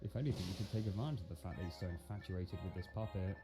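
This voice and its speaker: A man's voice: low-pitched, very fast. A man giving scripted film review commentary in a sarcastic, incredulous manner. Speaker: video commentator and film critic. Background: music.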